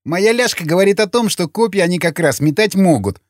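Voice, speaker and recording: A man's voice: expressive, a little fast, no room sound, clean studio sound. A man voicing a panicky, foul-mouthed wounded young man who cries out in frantic bursts. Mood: grumbling. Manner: shrill, frantic, cursing.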